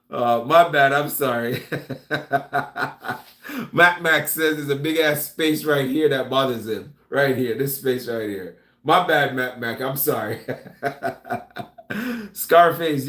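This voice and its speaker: A Jamaican man with a medium-pitched voice chats casually on a live stream from an echoey room at home with a gun rack. He's a vlog host reading live chat, relaxed, stumbling into restarts and calling people "man."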